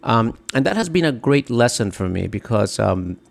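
A middle-aged Dominican man, an author appearing as a guest, answers interview questions thoughtfully but haltingly, restarting often. His mid-range voice is very animated and carries vocal fry.

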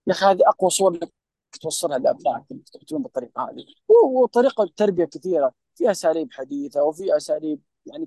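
A Saudi man rattles off his advice at a very fast clip in a mellow, rather dark voice. He pitches a little higher than most men, is emphatic and preachy, and lectures the listener directly. The sound is dry and close, with no room echo. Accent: Saudi Gulf Arabic. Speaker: guest, mental health specialist. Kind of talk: impassioned advice in a podcast interview.

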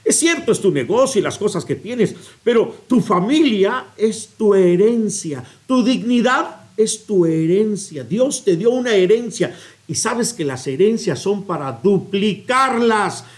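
Animated, high-voiced male preacher. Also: a little slow. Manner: expressive, storytelling, appeals directly to listeners. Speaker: priest.

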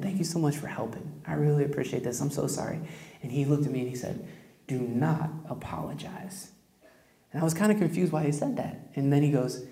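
Speaking in a mellow, medium-pitched voice, a man preaches as pastor, telling stories in a conversational style and addressing his congregation directly. A roomy echo is audible.

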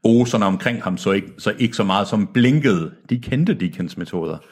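A man's voice: lowish voice, expressive, breathy edge. A man reading a novel aloud to friends and breaking off for jokes and laughter. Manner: laughing, joking asides. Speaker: reader and co-host.

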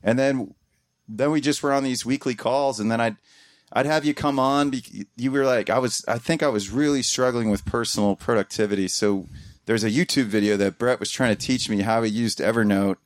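A man's voice: medium pitch, fairly quick, dry recording. Rambling, heartfelt man, dry sound. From Columbus, Ohio area. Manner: rambling, restarts often, swears casually. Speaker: podcaster speaking as a guest. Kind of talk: heartfelt casual talk to a community gathering.

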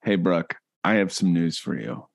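A man co-hosting a comedy podcast, trading dry jokes and quick banter in casual chat. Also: low-pitched, lively intonation, creaky, no echo. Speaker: podcast co-host.

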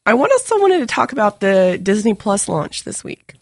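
A woman's voice: medium pitch, sing-song, normal speed, no room sound. Female podcast co-host, dry close sound. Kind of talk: casual chat.

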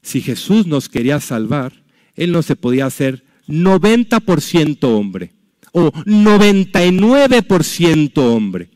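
A man preaching a sermon, telling stories dramatically and dropping to a hush for emphasis. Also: a little high, no room sound. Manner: dramatic storytelling with sudden drops to a hush. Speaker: pastor.

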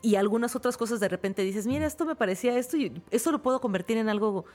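A woman with a Mexican accent, a guest in a casual interview, telling stories lively and acting out the voices she quotes. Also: a little high, fast. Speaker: guest, actress and stand-up comedian.

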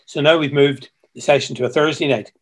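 A man, a musician guest who tells stories in a halting way, repeating words, heard over a video call. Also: fairly high pitch, fairly even intonation, slightly rough. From Ireland. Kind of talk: casual interview chat.

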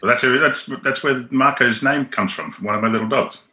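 Laconic Australian man, sharp bright voice, roomy. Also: mid-range voice, fairly quick. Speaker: podcast co-host. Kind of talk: casual banter. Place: front room of a house with the door shut. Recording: roomy echo.

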